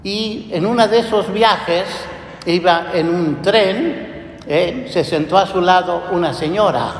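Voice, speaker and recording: A priest giving a sermon in a slow, measured way with pauses and fillers, slightly hoarse. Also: male voice, high-pitched, slight background noise. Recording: echoey church hall with faint ambience.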